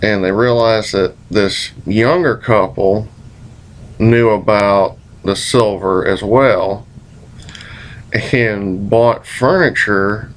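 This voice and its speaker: A man with a lowish voice recounts a dream in a loose, rambling vlog style. He sounds hazy and puzzled as he gropes for words. His phrasing is folksy and colloquial, with some mild swearing. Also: fairly even intonation, slow, poor audio. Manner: folksy, colloquial, mildly profane. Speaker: vlogger.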